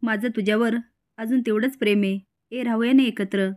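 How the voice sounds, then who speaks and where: A young mother gently coaxing her former husband to come back in a retold soap story, played by a woman narrator. The voice is high and soft-edged. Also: steady tone, fairly quick, lightly acted.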